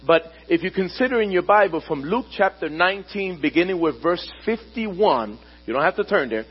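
A man preaching a sermon to his congregation at a pulpit microphone in a church, slowing down to stress key words and calling on the listeners to answer back. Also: high voice, animated, husky. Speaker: pastor. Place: church sanctuary. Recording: dull recording with mains hum.

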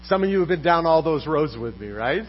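A man preaching a sermon as pastor, putting questions to his congregation in a lively manner. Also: on the high side, a little fast. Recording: dull recording with faint mains hum.

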